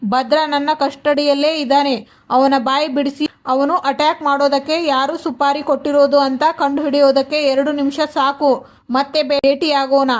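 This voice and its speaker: A woman voicing a firm young male police officer from a TV serial, speaking in a stern, calm way. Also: high voice, normal speed, lightly acted.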